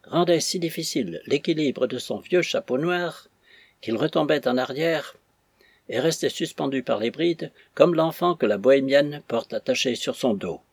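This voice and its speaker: A man reading a classic novel aloud in measured storytelling narration. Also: mid-range voice, lively intonation, slightly rough, dry recording. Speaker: audiobook reader.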